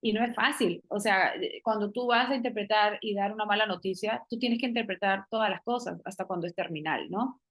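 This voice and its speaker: A woman's voice: mid-range voice, a little fast, few pauses, fairly bright tone. A middle-aged woman sharing a personal faith testimony in a casual conversation, speaking earnestly with many restarts and the odd English phrase.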